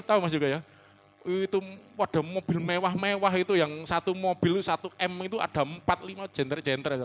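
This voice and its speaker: Chatty pastor with a higher male voice. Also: dull audio. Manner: chatty, storytelling, often calls listeners "saudaraku"; swings between loud emphasis and soft hushed asides. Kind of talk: conversational sermon. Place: church service.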